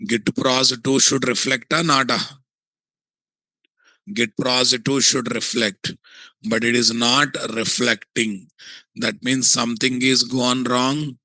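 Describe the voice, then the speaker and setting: A man with a Telugu Indian English accent giving a software tutorial, thinking aloud and often asking questions that he answers himself. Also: mid-range voice, level tone, slow, dry recording, poor audio. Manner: asks and answers his own checking questions.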